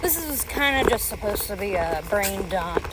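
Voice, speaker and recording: A woman's voice: medium pitch, lively intonation, moderate pace. A woman podcaster talking casually and unscripted, musing aloud as she walks. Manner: musing aloud while walking. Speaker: podcast host and mother. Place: outdoors on a local walk. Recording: outdoor walking recording, loud ambient noise. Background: crunching dry leaves underfoot, outdoor noise.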